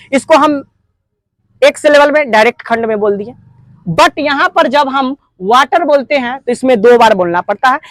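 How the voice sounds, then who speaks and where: A woman with an Indian accent teaching spoken English, breaking words into slow, stressed syllables. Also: high voice, no room sound. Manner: drawn-out, stressed syllable drills. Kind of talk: classroom lesson.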